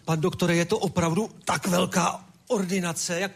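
A man's voice: high-pitched, flat delivery, creaky, slightly rough, exaggerated voice. A man playing an anxious claustrophobic patient who stammers and hesitates, in an improvised comedy sketch. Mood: fearful. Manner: stammering, hesitant, fills pauses with "eh".

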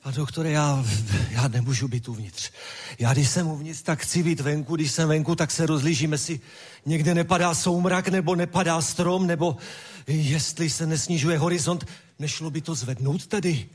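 A man's voice: a little high, steady tone, breathy edge. A man playing an anxious claustrophobic patient who stammers and hesitates, in an improvised comedy sketch. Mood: fearful. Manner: stammering, hesitant, fills pauses with "eh".

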